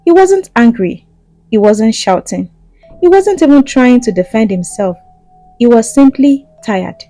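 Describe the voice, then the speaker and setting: A woman storyteller narrating a scripted tale in a rhythmic, dramatic way. Her voice sits fairly high and moves a lot through each line. The recording is close and dry, with faint music under it. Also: animated, a little slow, warm tone, no echo, low-quality recording. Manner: rhythmic, dramatic, with repeated phrases.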